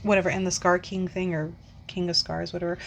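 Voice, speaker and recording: A book vlogger in her forties rants casually into the camera, rambling and swearing with frequent sighs and filler words. Her voice is on the low side and gravelly, brisk and flat in delivery, with a little hiss or hum in the audio.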